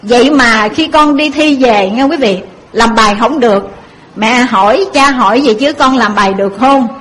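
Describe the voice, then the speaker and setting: A woman's voice: on the high side, moderate pace, a bit bright, rough recording. A woman telling a moral story as a sermon, addressing her listeners emphatically.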